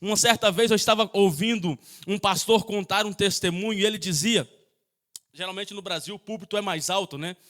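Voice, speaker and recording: A man with a high, fairly bright voice preaches a sermon in a church sanctuary, speaking a little fast. He tells stories, dramatizes the voices of the people in them, and sometimes slips into a singsong delivery.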